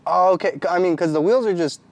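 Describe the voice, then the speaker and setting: A man's voice: sits high, fast. A man hosting a casual vlog, chatty, bemused and self-deprecating as he fumbles through a task. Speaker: vlogger host.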